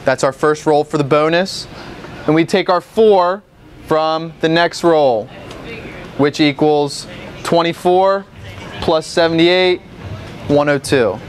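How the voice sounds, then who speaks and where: A man's voice: fairly high pitch, slow pace, long pauses, a little hiss or hum. A young man giving a classroom-style lesson in a bowling alley, explaining step by step and checking in with the class after each point. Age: young adult. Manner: patient, step-by-step, checks in with "okay?" often. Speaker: instructor. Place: large indoor bowling alley. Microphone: far camera.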